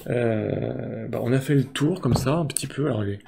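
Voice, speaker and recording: A man's voice: medium pitch, moderate pace, gravelly, noisy background. A man hosting a casual board game unboxing video, talking in a rambling way with many fillers and restarts.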